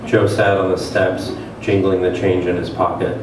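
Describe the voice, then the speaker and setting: A deep-voiced man in his thirties reads satirical fiction dramatically on stage, holding a level tone at a moderate pace. He's the reader at a literary event, in a small room with an audience, using a table microphone on a stand. The audio is noisy, very echoey, and distant-miked.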